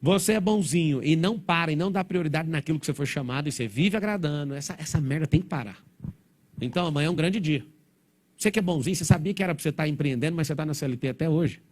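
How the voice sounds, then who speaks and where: Blunt, fast-talking male motivational speaker. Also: fairly high pitch, darkish tone. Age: adult, father of four. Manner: blunt, provocative, rapid-fire. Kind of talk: motivational stage talk to a live audience.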